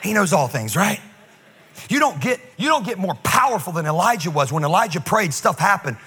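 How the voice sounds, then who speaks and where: A middle-aged man, a pastor, preaching a sermon with humor and lively asides. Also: high voice, brisk, in a large hall, a little hiss or hum.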